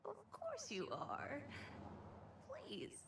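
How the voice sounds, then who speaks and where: A young woman playing a courteous, mysterious elderly shopkeeper in a video game, with a put-on old, faint, creaky voice. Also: sits high, huge pitch swings, drawn-out words, whispered, full character voice. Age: young adult. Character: elderly female curiosity shop keeper, courteous and mysterious. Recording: roomy, distant game audio over music.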